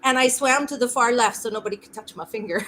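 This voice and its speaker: A woman from Saskatchewan telling a long personal story as a podcast guest, animated, often laughing and acting out quotes. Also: fairly high pitch, fast talker, slight background noise, rough recording. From Saskatchewan, Canada. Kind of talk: storytelling in a conversation.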